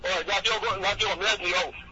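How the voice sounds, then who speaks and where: A man's voice: sits high, steady tone, normal speed, sharp tone. A man calling in on speakerphone, giving a matter-of-fact status report in short sentences. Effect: on speakerphone over a phone line. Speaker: phone-in caller, road signage worker. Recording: dull phone line with crowd noise behind.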